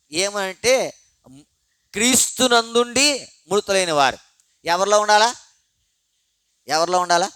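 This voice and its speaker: A man with a high, smooth, resonant voice preaches to a prayer meeting through a handheld microphone. He fires rhetorical questions and answers them himself, swinging from loud emphasis to quiet low asides. The sound is dry and close. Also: no echo. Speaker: pastor. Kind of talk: sermon.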